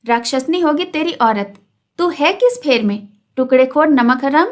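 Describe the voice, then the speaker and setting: A woman reading as a fierce, sharp-tongued village mother. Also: high-pitched, expressive, normal speed. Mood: furious. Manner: scolding, heated reading.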